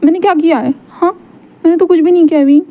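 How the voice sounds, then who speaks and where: Whiny begging young star guy, a woman putting him on, high pitched pleading. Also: fairly even intonation, very fast, lo-fi sound. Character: young male superstar, pleading lover.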